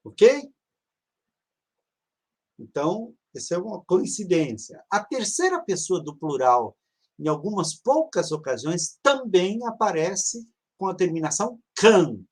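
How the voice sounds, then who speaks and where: A man's voice: high voice, big pitch swings, a little slow, husky. A man, a reverend teaching an online class, who explains patiently and drills word endings aloud. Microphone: video call.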